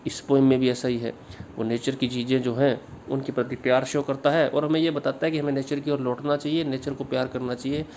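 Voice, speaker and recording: A male literature teacher with an Indian English accent, reading English lines slowly and then explaining them in Hindi. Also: medium pitch, level tone, darkish tone, a little hiss or hum. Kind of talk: exam-prep lecture.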